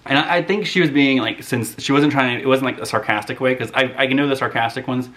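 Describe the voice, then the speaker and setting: Man, 30s, casual vlogger, rambling and animated storyteller, mid-range voice. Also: medium pitch, fast talker. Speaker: movie vlogger. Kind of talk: casual chat to camera.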